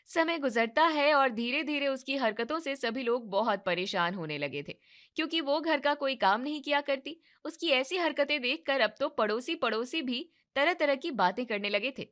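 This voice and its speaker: A woman narrating a family story in an even, scripted storytelling manner. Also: sits high, moderate pace.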